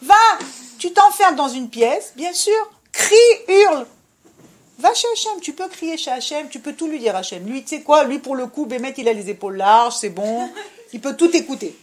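A woman with a high voice gives an informal religious talk, speaking straight to her listener. She jumps between loud, emphatic bursts and low, soft asides. She keeps checking that the listener understands. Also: expressive, moderate pace. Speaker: religious speaker giving advice.

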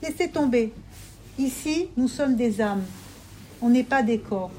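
High-voiced fervent woman preacher. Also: animated, unhurried, mellow, a little hiss or hum. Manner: fervent and pleading, with emphatic repetition. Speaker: religious women's teacher. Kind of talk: impassioned sermon to a women's gathering.

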